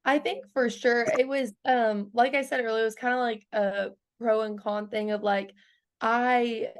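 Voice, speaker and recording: In a casual interview, a young country singer in her early twenties keeps laughing and saying "like," her manner bubbly throughout. She has a fairly high, smooth voice with fairly even intonation, and she speaks a little slowly.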